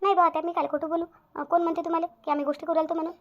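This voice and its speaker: A woman's voice: very high-pitched, flat delivery, rapid-fire. A woman voicing a hardworking, patient young daughter-in-law in a cartoon, placating. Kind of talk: cartoon voice acting. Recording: dull lo-fi audio.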